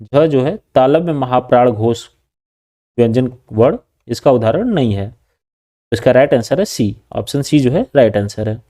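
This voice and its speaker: A man with a warm, soft-edged tone runs an exam practice lesson. He reads each question and its options in turn, then says and repeats the right answer. His pitch sits at an ordinary middle height. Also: animated, measured pace. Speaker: teacher.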